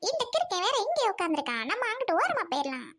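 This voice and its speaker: A woman's voice: very high-pitched, wildly swooping pitch, rapid-fire, fairly bright tone, a little hiss or hum, full character voice. A woman with a Trichy Tamil accent playing a bossy, melodramatic lovestruck young woman in a comedy skit. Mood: dramatic.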